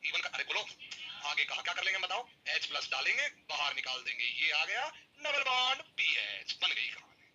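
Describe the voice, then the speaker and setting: An energetic male teacher lectures on chemistry at a rapid clip, always pushing his students to answer back. His voice sits high and sounds very bright and cutting, with a faint hiss of noise behind it. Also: muffled recording. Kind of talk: classroom lecture.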